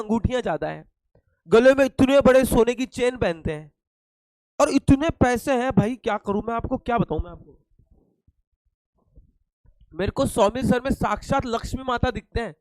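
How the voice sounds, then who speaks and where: A high-voiced young man with an Indian accent gives an online lecture, his throat a little hoarse. He teases his students and fires questions he answers himself. The sound is close and dry, with no room around it. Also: no echo, low-quality recording. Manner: joking, asks and answers his own questions. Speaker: teacher.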